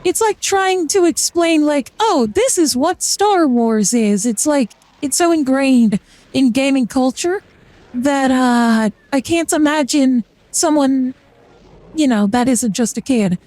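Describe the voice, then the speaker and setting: Streamer, high feminine voice from a voice changer, dry and close, chatty, rambling with fillers. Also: animated, slow, a little mellow, dry recording. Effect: voice changer making the voice sound feminine. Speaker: VTuber streamer. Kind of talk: casual gameplay chat.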